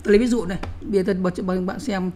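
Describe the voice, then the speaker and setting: Brief: middle-aged woman, lecturer to teachers, emphatic, repeats herself, mid-pitched. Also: steady tone, rapid-fire, warm tone. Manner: emphatic, repeats words, frequent "nhé" asides.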